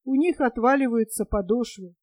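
A woman's voice: fairly high pitch, normal speed, a little mellow, dry recording, close to an everyday voice. A woman voicing a frightened, penniless young male poet who stammers and pleads. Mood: pitiful.

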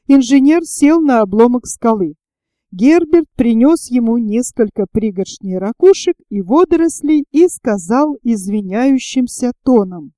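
A woman narrating an audiobook in an even, expressive reading. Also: on the high side, no echo.

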